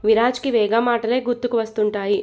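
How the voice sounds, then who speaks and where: A woman narrating a romantic story with a steady, expressive reading. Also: on the high side, fast.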